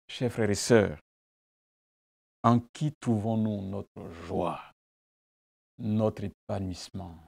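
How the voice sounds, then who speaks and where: This pastor's voice is medium-pitched, creaky and dark. French is not his first language, and his devotional sermon and prayer rely on rhetorical questions and forceful repetition.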